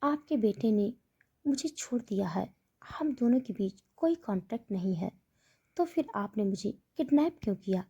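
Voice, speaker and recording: A woman voicing a frightened but defiant young woman who speaks softly and pleadingly. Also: fairly high pitch, lively intonation, normal speed, slightly rough, lo-fi sound. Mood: anxious. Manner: soft and pleading, irritated.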